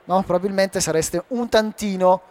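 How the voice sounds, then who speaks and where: A man giving a live talk on public speaking to an audience, animated and asking them rhetorical questions. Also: sits high, normal speed. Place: hall before a live audience.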